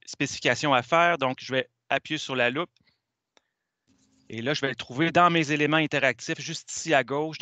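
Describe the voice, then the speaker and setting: A man, walking through a software tool step by step in a methodical teaching tone. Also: mid-range voice, no room sound. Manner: methodical, step-by-step, many "donc" fillers. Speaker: teacher presenting a software tutorial. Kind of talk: screen-share tutorial walkthrough.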